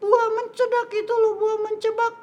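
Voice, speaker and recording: A puppeteer voicing Kobon, a cheeky, silly child puppet in a kids church show. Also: male voice, completely flat delivery, normal speed, dull audio. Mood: playful. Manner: squeaky, playful, teasing.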